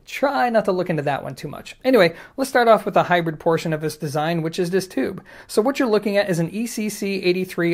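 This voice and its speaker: Upbeat audio gear reviewer. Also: mid-range voice. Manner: upbeat, casual, with jokey asides. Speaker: audio equipment reviewer, channel host. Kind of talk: scripted product review narration.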